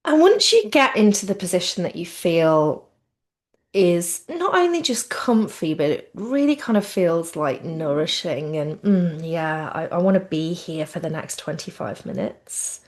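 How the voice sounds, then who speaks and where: Teaching yoga nidra, a woman offers gentle, unhurried guided relaxation in a soothing and informal manner, her voice somewhat low and sing-song.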